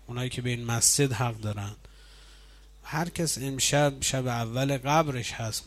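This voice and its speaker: A man preaching in a mosque as he leads a Quran session, explaining religious traditions and building up to raised, emphatic points. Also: mid-range voice. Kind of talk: sermon.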